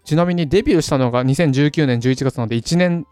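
A man with a smooth, resonant voice co-hosts a casual podcast, talking fast and reading out facts between laughs. His voice sits at an ordinary pitch. The recording is dry and close, with faint music in the background. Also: warm tone, dry recording. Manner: brisk, reads out facts, laughs easily. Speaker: podcast co-host.

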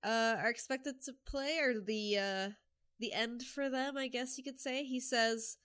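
A woman's voice: on the high side, fairly even intonation, measured pace, a bit bright, clear, resonant tone. A young woman with a stuffy, congested voice co-hosting a casual fan podcast, hesitant and searching for words. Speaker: podcast co-host.

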